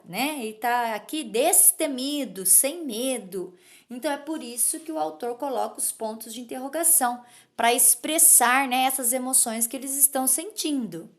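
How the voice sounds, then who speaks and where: Slow, patient woman teacher. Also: fairly high pitch. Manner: patient, explanatory, asks questions and checks understanding. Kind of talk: online literacy lesson.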